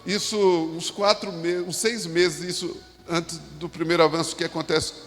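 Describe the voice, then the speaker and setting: Brazilian male pastor, slightly high voice, halting sermon delivery, long church reverb. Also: steady tone, fairly bright tone. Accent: Brazilian Portuguese. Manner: halting, with many restarts and rhetorical asides. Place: church sanctuary.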